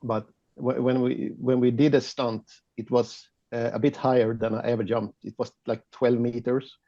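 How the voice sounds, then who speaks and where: Swedish dude, gravelly voice, halting english, dull lo-fi call audio. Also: male voice, mid-range voice, level tone, warm tone, no echo. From Sweden. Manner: hesitant, many fillers and restarts, laughs often. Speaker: guest photographer. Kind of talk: casual interview chat.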